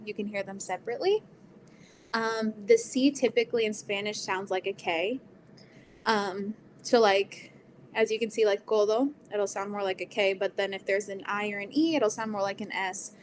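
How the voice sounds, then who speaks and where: A woman presents over a video call with a slightly high voice and an easy, chatty delivery, peppered with ums, likes and quick laughs. A faint hum sits behind her. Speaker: presenter teaching Spanish basics. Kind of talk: casual online presentation.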